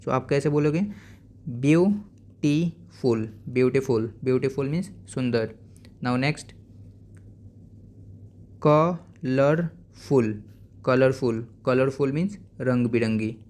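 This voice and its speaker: A man teaching an English lesson for young children in Indian English, mixing Hindi and English and repeating each word slowly. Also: medium pitch, steady tone, darkish tone. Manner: repeats words slowly and drawn out. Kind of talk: classroom lesson explaining English words.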